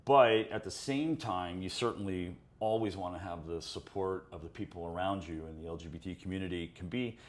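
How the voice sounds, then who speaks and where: A man's voice: deep voice, a little fast, few pauses. A man co-hosting a podcast, talking in a reflective, reassuring casual chat. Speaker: podcast co-host.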